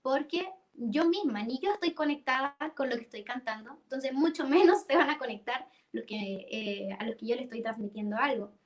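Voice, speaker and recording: A woman's voice: high-pitched, expressive, moderate pace. A young woman teaching a church singing workshop, explaining vocal registers and demonstrating them by singing.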